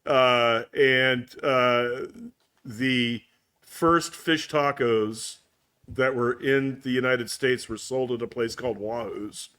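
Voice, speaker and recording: A laid-back man from Southern California guests on a casual podcast and teases the others as he tells stories. His voice sits mid-pitch and he pauses often to find his words. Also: fairly even intonation, bright, forceful tone, clean tone. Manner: laid-back, teasing, pausing storyteller. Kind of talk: casual interview chat.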